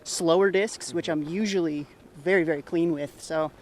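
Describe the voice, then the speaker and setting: A woman's voice: deep voice, normal speed, darkish tone. A woman athlete chatting informally and a little hesitantly in an outdoor interview. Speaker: competing athlete. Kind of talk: casual on-course interview. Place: outdoors, walking on a fairway.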